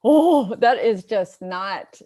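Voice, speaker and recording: A middle-aged woman from the United States talks casually as a guest. She rambles, stops and restarts often, in a voice of middling pitch. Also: animated, takes it slowly, crowd noise. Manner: chatty, rambling with many restarts and fillers. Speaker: guest on a comedy variety show. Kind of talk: casual chat.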